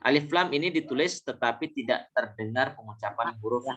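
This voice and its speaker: A man's voice: medium pitch, fairly bright tone, lo-fi sound, a little hiss or hum. Man teaching Arabic letters. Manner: patient, repeats words slowly, fillers and self-corrections. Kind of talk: classroom lesson.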